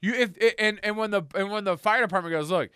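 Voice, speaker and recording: A man's voice: high-pitched, quick pace, pushed and bright, clear, resonant tone, no echo, clean studio sound. A man co-hosting a casual comedy talk show, sarcastic and fond of acting out quoted lines. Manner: sarcastic, acts out quotes in exaggerated voices. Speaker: podcast co-host.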